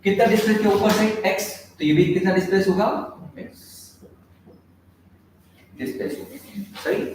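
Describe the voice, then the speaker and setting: Male physics teacher, higher voice, recorded off-mic, dictates formulas step by step. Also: slight background noise. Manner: addresses students, asks questions, dictates formulas slowly. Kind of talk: classroom lecture. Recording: echoey room, heard from a distance.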